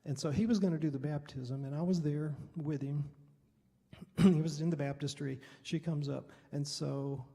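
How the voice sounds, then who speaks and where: With long hall reverb around him, a middle-aged American pastor relates stories from his own life in an easygoing, halting way, clearing his throat often. The voice is gravelly and husky, on the high side, steady and warm.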